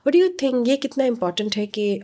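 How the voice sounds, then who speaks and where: Young woman podcast host with a slightly high pitch. Bilingual code-switching, with slower and more deliberate English phrases. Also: expressive, warm tone. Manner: switches between Urdu and English mid-sentence, slows down on English phrases. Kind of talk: interview hosting and sign-off.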